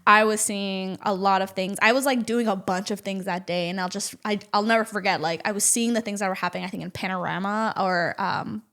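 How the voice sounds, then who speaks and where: A woman guest on a casual podcast, telling her story in an animated way and often saying "like". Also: medium pitch, brisk, hardly any pauses. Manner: animated storytelling, heavy use of "like". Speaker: podcast guest, nonprofit advocate and activist.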